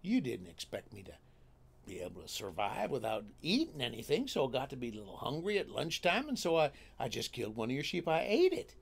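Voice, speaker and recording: A man's voice: medium pitch, wildly swooping pitch, a little fast, creaky, breathy edge, exaggerated voice. A man voicing a plucky, cheeky young male farmhand in a folksy told story, with a brash, chatty drawl.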